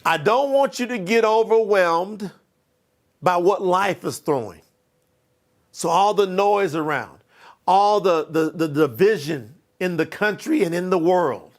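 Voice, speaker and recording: Male motivational coach; emphatic, repetitive delivery, raspy fry in the voice. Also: high voice, animated, a little slow. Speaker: life coach. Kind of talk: motivational training talk.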